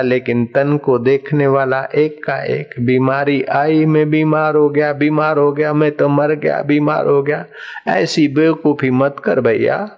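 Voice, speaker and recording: A man's voice: medium pitch, gravelly, muffled recording. A man giving a sermon, telling stories with playful asides and chanting verses. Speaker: spiritual preacher.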